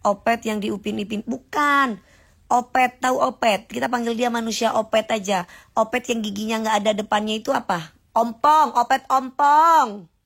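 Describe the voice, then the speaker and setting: A woman's voice: fairly high pitch, steady tone, moderate pace, gravelly, fairly bright tone. A woman, ranting casually and mockingly to viewers on a livestream. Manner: sassy, combative, mocking. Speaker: livestream host.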